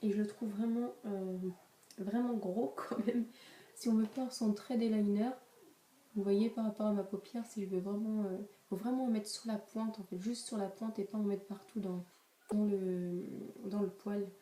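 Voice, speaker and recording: A woman's voice: mid-range voice, fairly even intonation, normal speed, warm tone, far from the mic. A young woman vlogger talking casually through a makeup haul, hesitant, with many fillers and restarts, recorded on a camera mic in a room at home. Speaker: beauty vlogger. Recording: echoey room, voice a bit off-mic, faint noise.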